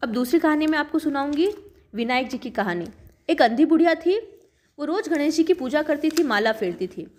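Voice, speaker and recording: A woman's voice: sits high, animated, fairly quick, a little mellow. A woman, narrating devotional folk tales in a plain, homely storytelling tone.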